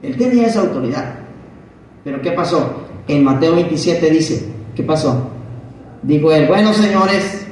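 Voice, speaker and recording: A man's voice: fairly high pitch, expressive, moderate pace, long pauses, warm tone, slight background noise. A man preaching a Bible-study sermon, asking the congregation questions and acting out quotes. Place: church hall. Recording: very echoey hall from far off.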